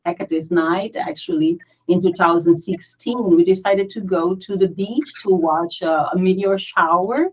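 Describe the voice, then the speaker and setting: Unhurried and fairly low-pitched, this Brazilian woman speaks with a Brazilian Portuguese accent as a guest in a casual interview. As founder of a pagan community, she's earnest and chatty, sometimes reaching for the right word, and the lo-fi audio is dull.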